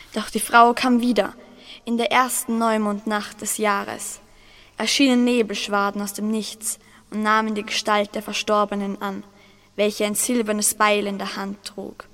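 A woman's voice: mid-range voice, big-room sound, close to an everyday voice. A teenage girl voicing a grave male village innkeeper who tells an ominous tale in a school radio play. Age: teens. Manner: storytelling, ominous.

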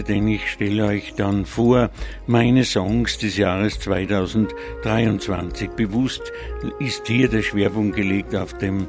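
A man's voice: on the low side, gravelly. A man presenting a live music radio show, speaking off the cuff with a slightly congested nose, hesitant and digressive, often correcting himself. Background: music playing under the voice.

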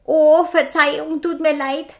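A woman's voice: high voice, flat delivery, measured pace, darkish tone, voice pushed up. A woman voicing a frightened young male pilgrim who pleads and apologises. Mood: pleading.

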